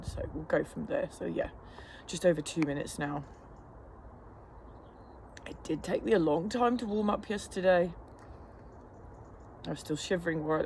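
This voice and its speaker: High-voiced man chatting from an ice bath. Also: creaky, darkish tone, slight background noise. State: cold-stressed, sitting in icy water. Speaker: fitness instructor vlogger. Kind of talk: casual chat to camera during a cold plunge.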